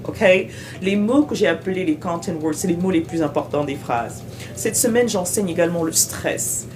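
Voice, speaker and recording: Lower-voiced woman teaching pronunciation, noisy background. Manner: drills English words aloud, exaggerating sounds. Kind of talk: casual teaching monologue.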